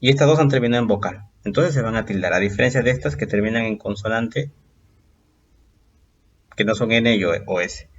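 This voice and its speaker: A man teaching a recorded exam-prep lesson, patiently explaining step by step and drawing out example words slowly. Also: lowish voice, muffled recording.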